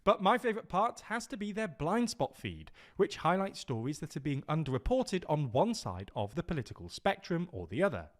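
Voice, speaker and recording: A man's voice: on the high side, very animated, a little fast, few pauses. A man giving a scripted ad read in an upbeat, salesy way. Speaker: ad narrator.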